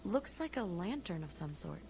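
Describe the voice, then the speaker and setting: A woman's voice: on the low side, sing-song, moderate pace, creaky, over music. A woman voicing an inquisitive, practical adventurer heroine in a video game, speaking plainly and directly. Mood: observant. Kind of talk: video game character acting. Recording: game audio with faint noise.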